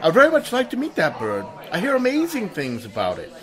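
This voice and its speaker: A man's voice: high voice, huge pitch swings, fairly quick, some chatter behind. An actor playing a suave, mocking male mystery vigilante in a 1930s-style radio drama, with a theatrical, menacing delivery. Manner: theatrical, menacing laugh, hypnotic intonation.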